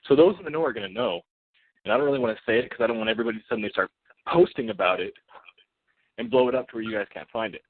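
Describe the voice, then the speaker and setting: Over a muffled phone conference line, a male caller with a medium-pitched voice talks very fast in a casual, unscripted monologue. He's insistent, uses slang and keeps repeating his points, and there's no echo.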